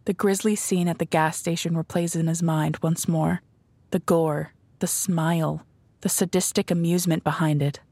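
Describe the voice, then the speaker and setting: A woman's voice: fairly low pitch, fairly even intonation, a little mellow, no echo. Dry, close-miked woman narrator. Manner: measured, descriptive storytelling. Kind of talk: scripted narration.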